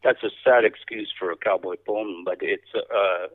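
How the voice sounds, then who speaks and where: A man chatting casually as an interview guest, a cowboy poet with a halting, rambling, folksy storytelling manner. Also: fairly low pitch, steady tone. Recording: thin band-limited radio or phone-like sound.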